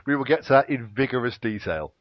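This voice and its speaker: A man's voice: medium pitch, expressive, quick pace, no echo, lo-fi sound. A man casually retelling the plot of a TV episode in a rambling way, with fillers and little chuckles. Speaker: podcast co-host recapping an episode. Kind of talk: casual chat, episode recap.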